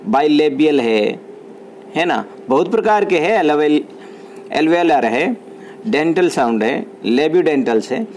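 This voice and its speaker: A man teaching an exam-prep lesson, reading English definitions slowly and then explaining them in Hindi. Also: a little high, darkish tone, a little hiss or hum.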